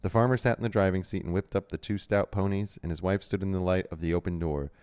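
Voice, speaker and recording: Deep, smooth-voiced man reading aloud. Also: quick pace. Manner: steady storybook reading with casual asides. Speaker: book club host. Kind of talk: reading a novel aloud on a livestream.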